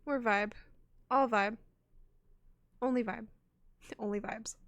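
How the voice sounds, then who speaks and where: High-voiced, chatty woman streamer. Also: fairly even intonation, takes it slowly, a bit bright, no echo. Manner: chatty, self-mocking, laughs often, swears casually. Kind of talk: casual live-stream chat.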